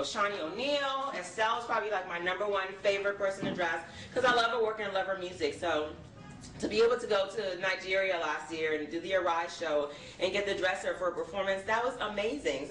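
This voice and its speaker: A woman from Liberia, a fashion designer, giving an emphatic, sassy pitch with playful rhetorical asides. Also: fairly bright tone. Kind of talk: lively self-promoting pitch. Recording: roomy, distant mic, faint background noise.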